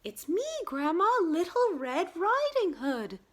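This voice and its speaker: A woman voicing an innocent little girl in a children's story, speaking with sing-song, drawn-out wonder. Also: extremely high pitch, very animated, voice pushed up, heavily acted. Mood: cheerful.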